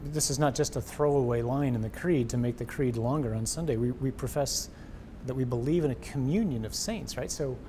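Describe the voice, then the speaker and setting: Standing indoors before a wall of memorial crosses, a male priest leads a chatty faith discussion in a mellow, warm voice. His delivery is earnest and animated, fairly quick with few pauses, and he restarts phrases as he thinks. A faint rumble lies beneath the indoor recording.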